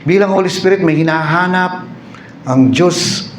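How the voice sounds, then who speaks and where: Brief: a Filipino preacher with a fairly high voice, chatty storytelling sermon, roomy echo and faint hiss. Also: male voice, a little slow. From Philippines. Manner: lively storytelling with jokes and "no?" asides. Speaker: pastor.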